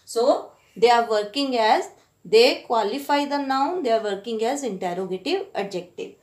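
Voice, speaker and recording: Indian woman teacher, higher voice, patient explainer, keeps checking in with students, roomy echo. Ideal for school lesson reads. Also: expressive, moderate pace, darkish tone. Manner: explanatory, frequent "right?" checks, mixes Hindi into English.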